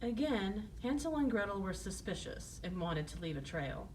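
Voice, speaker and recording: A woman's voice: mid-range voice, sing-song, normal speed, far from the mic, a little hiss or hum, rough recording. A woman storyteller narrating a children's fairy tale, in the manner of a fairy tale opening.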